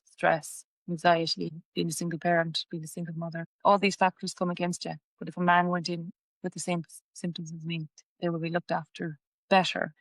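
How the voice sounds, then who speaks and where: A woman's voice: lowish voice, no room sound. A woman with a west of Ireland accent, telling her personal story as an interview guest. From Galway, west of Ireland. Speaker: podcast guest, patient advocate.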